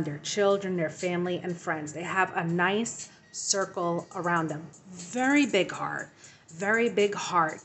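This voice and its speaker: A woman's voice: medium pitch, a bit bright. A woman giving a tarot reading to her viewers, speaking in a reassuring way with frequent ums and repeated phrases. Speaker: tarot reader.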